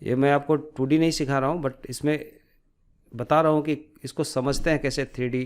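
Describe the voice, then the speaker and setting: Walking through a tutorial step by step, an instructor keeps it informal, asking himself questions, then answering them, and dropping in English technical vocabulary. He has a mid-range voice with fairly even intonation and normal speed.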